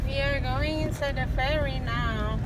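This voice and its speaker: A middle-aged woman vlogging a road trip from a car, speaking slowly and cheerfully into a phone held at arm's length. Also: high voice. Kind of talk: casual travel vlog narration. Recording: noisy car cabin, distant phone mic.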